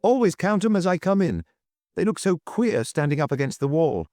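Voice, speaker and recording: A man voicing an eager, excitable young duke in a storybook, speaking with insistence. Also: mid-range voice, fast, no echo, studio quality, pitched above the performer's own voice, lightly acted.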